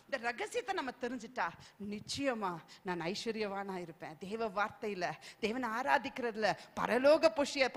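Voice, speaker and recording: A woman's voice: high-pitched, a bit bright. A woman preacher, delivering a fervent sermon and often repeating phrases and calls of hallelujah. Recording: long hall reverb.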